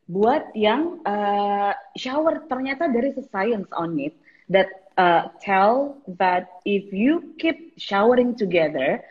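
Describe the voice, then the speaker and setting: A woman's voice: mid-range voice, expressive, slow. A woman guest on a casual live-stream chat, mixing Indonesian with English and agreeing briefly and often, heard over a video call. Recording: dull lo-fi video call audio.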